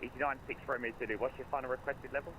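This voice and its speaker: A man's voice: mid-range voice, fairly even intonation, very fast, dull audio. A man working as an air traffic controller, reading out procedural instructions over the radio. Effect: radio transmission. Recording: noisy radio with engine drone behind.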